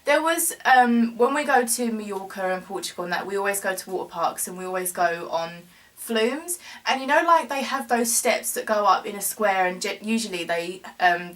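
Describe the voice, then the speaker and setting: A young woman tells a story straight to camera in a loose, rambling way. She fills her sentences with "like" and laughs her way through the telling, at a middling pitch. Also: a bit bright. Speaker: vlogger. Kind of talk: casual storytelling.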